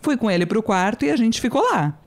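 A woman's voice: a little high, very animated, fairly quick. A woman hosting a casual conversation, chatty and telling a personal story about her young son.

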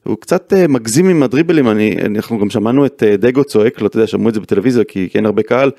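A man's voice: lowish voice, gravelly, dark tone, no room sound, clean studio sound. A male football pundit in a casual chat who breaks down plays in detail and brings up statistics emphatically. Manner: detailed, stat-citing, emphatic.

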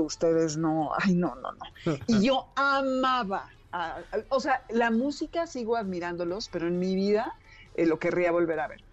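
Mexican woman, animated storyteller. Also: medium pitch, dull audio. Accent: Mexican Spanish. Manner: animated storyteller who acts out quoted voices. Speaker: radio broadcaster, guest. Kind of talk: casual anecdote chat.

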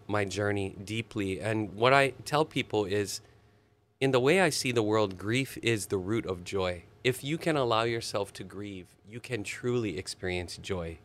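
Bright-voiced man telling stories. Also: medium pitch, clean tone. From Hawaii. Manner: animated, expressive storyteller with sudden laughs. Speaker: musician guest. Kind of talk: casual storytelling interview.

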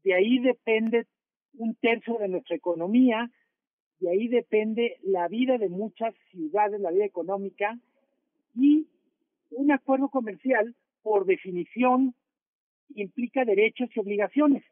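A man's voice: high-pitched, a little slow, no room sound. A man with a Mexican accent, a newspaper editor, explaining carefully in a phone interview. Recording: tinny phone line.

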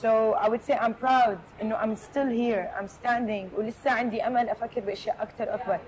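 Interview guest: woman, 30s, Levantine Arabic accent, slightly high voice, brisk reflective talk with English mixed in. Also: steady tone, a little mellow, low-quality recording. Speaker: podcast guest.

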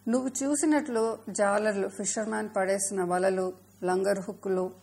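A woman's voice: medium pitch, steady tone, normal speed, gravelly, a little mellow. A woman voicing a big female dolphin in a children's story, stern, scolding and protective of sea creatures. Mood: grieving. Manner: scolding, urgent. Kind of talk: storybook voice acting.

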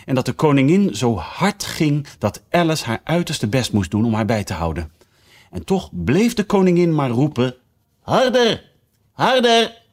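A man reading a children's storybook aloud, narrating in an expressive way. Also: mid-range voice.

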